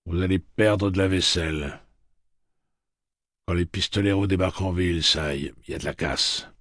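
A man reading as a soft-spoken commanding gunslinger. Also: sits low, normal speed, dry recording, clean studio sound, voice pushed up. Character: stern, quiet male gunslinger leader.

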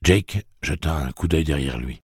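A man's voice: a bass voice, moderate pace, a little mellow, slightly rough, dry recording, studio quality. A man reading a novel aloud as an audiobook narrator.

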